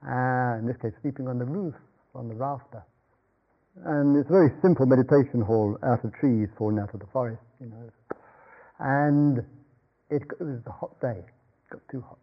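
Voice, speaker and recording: A man's voice: medium pitch, moderate pace. An older man giving a meditation talk, rambling through an anecdote with chuckles and restarts. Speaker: meditation teacher. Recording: dull lo-fi talk recording.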